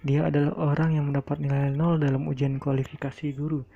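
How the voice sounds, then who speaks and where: A man reading a translated novel aloud in a monotone, with small slips along the way. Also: a little high, fast, vocal fry, slight background noise. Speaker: audiobook narrator. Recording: dull lo-fi recording.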